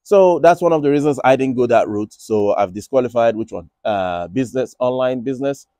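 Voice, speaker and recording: Speaking in an animated, fairly quick way, this man has a mid-range, dark-toned voice and a Nigerian accent, recorded with no room sound. He's a finance vlogger in the Republic of Ireland giving a casual, rambling monologue on his money and trading, full of restarts and fillers.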